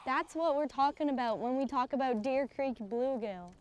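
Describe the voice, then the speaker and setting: A young woman vlogging from a fishing boat outdoors, excitable and cheering at each catch, recorded on an action camera. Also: sits high, moderate pace. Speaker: vlogger, angler. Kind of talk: excited fishing vlog chat.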